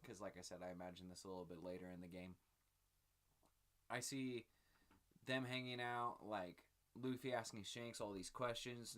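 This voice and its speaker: A man's voice: fairly low pitch, fairly bright tone. A man hosting his own channel, talking through his theories in a rambling, filler-heavy, casual sit-down chat. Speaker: channel host.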